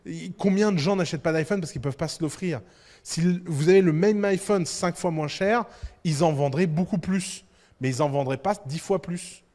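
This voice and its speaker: A man with a high voice speaks to an audience with emphatic energy. He fires off rhetorical questions and acts out little dialogues. A long hall reverb hangs after each phrase. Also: moderate pace, a little mellow. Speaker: entrepreneur giving a talk. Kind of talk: lively speech to an audience.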